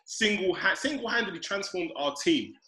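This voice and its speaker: A man's voice: high-pitched, expressive, moderate pace, reverberant, background noise. A man with a London roadman accent debates football casually as a podcast panellist, slangy and emphatic, repeating phrases for weight.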